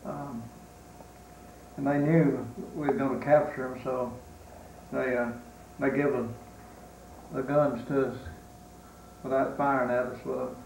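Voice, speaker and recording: Slow elderly Southern veteran, remembering. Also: male voice, mid-range voice, fairly even intonation, vocal fry, darkish tone. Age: 80s or older. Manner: old veteran remembering, halting, with long pauses. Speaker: war veteran being interviewed. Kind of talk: unscripted reminiscence in an interview. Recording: roomy, distant mic, faint noise.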